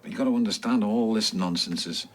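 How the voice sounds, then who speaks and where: A man's voice: on the low side, quick pace, slight background noise, lightly acted. An actor playing an evasive, menacing man, dismissive and needling, in a TV soap. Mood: evasive, defensive. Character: evasive, menacing man cornered by a questioning girl. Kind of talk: naturalistic TV soap acting.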